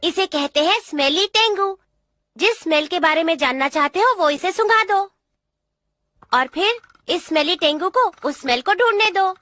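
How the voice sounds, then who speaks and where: A woman's voice: extremely high pitch, animated, normal speed, pushed and bright, no echo, clean studio sound, full character voice. A woman voicing a clever inventor boy in a cartoon dub, confident and explaining. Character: clever inventor boy Kiteretsu, calm and knowing.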